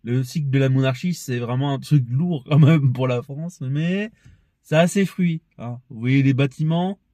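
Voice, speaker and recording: A man's voice: mid-range voice, moderate pace, mellow. A young man with an ordinary mid-range voice talks through a loose, rambling monologue. He swears freely and laughs between thoughts, and at times he heats up into ranting. The recording sounds dry and close, with no room echo. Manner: rambling, profane, laughs often, shifts into heated ranting. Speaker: vlogger.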